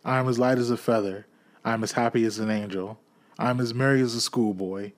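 A man voicing an overjoyed old miser who exclaims in a raised, excited voice, switching between pleading and giddy delight. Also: fairly low pitch, moderate pace, natural voice.

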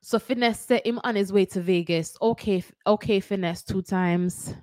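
A woman's voice: mid-range voice, moderate pace, mellow, no echo. A woman with a Jamaican lilt hosts a casual commentary show. She talks in a chatty way and keeps hedging and correcting herself. Her voice sits close to the mic in a dry, dead space. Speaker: host.

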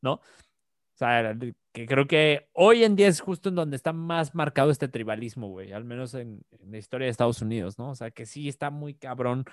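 A man's voice: mid-range voice, animated, normal speed, dry recording, clean studio sound. A man with a Mexican Spanish accent, co-hosting a casual political podcast, joking around and using a lot of slang. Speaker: podcast co-host.

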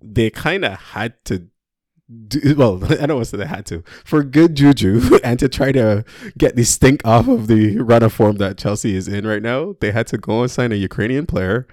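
A man's voice: mid-range voice, lively intonation, moderate pace, darkish tone, no room sound, clean studio sound. A man co-hosting a casual sports podcast, laid-back and rambling, often laughing mid-sentence. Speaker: podcast co-host.

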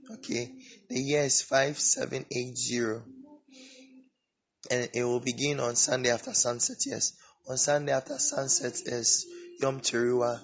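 A man hosting an informal religious teaching podcast with a sore, swollen-throat voice, speaking haltingly and repeating words. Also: mid-range voice, gravelly, a little hiss or hum. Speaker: podcast host. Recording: dull lo-fi audio, music behind. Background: background music.

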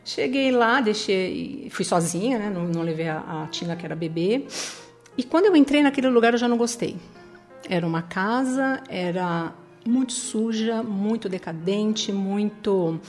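A woman's voice: mid-range voice, lively intonation, moderate pace, faint music behind. A woman with a Brazilian Portuguese accent giving an earnest personal faith testimony, often tagging her sentences with a questioning "né?". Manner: earnest storytelling, tags lines with "né?".

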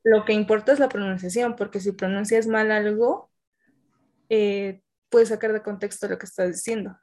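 A woman's voice: mid-range voice, fairly even intonation, normal speed, darkish tone. A woman, an English teacher, explaining at length in a casual interview with many fillers.

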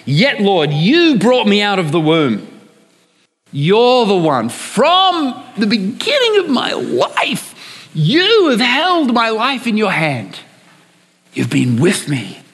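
A man's voice: sits high, wildly swooping pitch, slow, fairly bright tone, long reverb tail. A man preaching a sermon, emphatic and often asking his listeners rhetorical questions.

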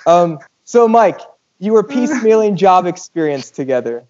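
Man, somewhat high voice, earnest host, stammers, dull audio. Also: big pitch swings, moderate pace, darkish tone, a little hiss or hum. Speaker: podcast host. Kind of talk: casual interview chat.

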